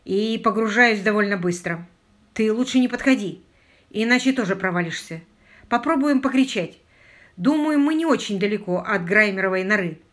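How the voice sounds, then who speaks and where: A woman's voice: mid-range voice, expressive, moderate pace, fairly bright tone, natural voice. A woman voicing a sinking English lord calling out. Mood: calm urgency. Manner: raised calling voice. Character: gentle aristocratic man sinking in a bog, calm then pleading.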